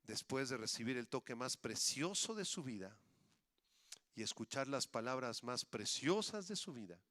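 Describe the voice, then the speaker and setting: Male pastor, sermon, bright forceful tone, dry close mic. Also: mid-range voice, big pitch swings, normal speed, no echo. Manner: swings from loud emphatic preaching to quiet, hushed phrases.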